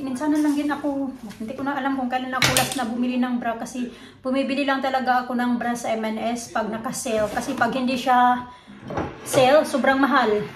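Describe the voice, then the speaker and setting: Filipina mom chatting away at home on her phone, kinda high voice, roomy echo and noisy background. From Philippines. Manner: switches between English and Tagalog mid-sentence, chatty. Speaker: vlogger, mother. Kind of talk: casual home vlog chat. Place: home in the UK, kitchen and living room. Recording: echoey room with background noise.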